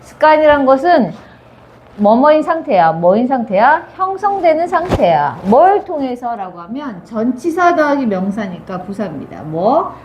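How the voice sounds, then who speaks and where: A woman teaching English grammar to high school students, asking questions and answering them herself, and reading English phrases out slowly. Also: very animated, darkish tone, dull audio. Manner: asks and answers her own questions. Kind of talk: grammar lecture. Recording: echoey room with faint noise.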